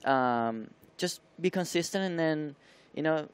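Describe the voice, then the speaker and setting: Young halting man with a smooth voice. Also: fairly high pitch, expressive. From Taiwan. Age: young adult. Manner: halting, searching for words with many fillers. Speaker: motocross rider guest. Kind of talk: studio interview answers. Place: TV studio.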